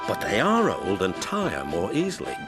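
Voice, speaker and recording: A man narrating a children's train story, reading with very animated expression, over background music. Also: deep voice, normal speed. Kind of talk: storybook narration with character voices. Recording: clear music bed behind.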